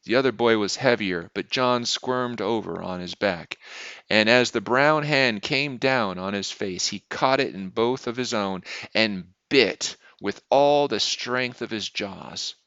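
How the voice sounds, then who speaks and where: Smooth low-voiced man narrating a story. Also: unhurried, a bit bright, no echo, highs cut off. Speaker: audiobook reader.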